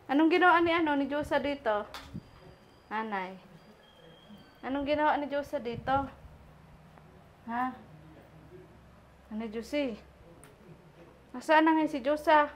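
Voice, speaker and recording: A woman vlogger in casual chat, coaxing and repeating her questions loudly to an elderly woman. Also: high voice, measured pace, long pauses, slight background noise.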